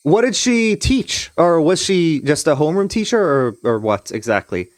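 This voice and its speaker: Reading a visual novel aloud during a casual live stream, a young Trinidadian streamer talks with viewers in a rambling, start-stop way full of restarts and hedging fillers. His slightly high, sing-song voice swings a lot in pitch at normal speed, recorded dry and close to the mic with no echo.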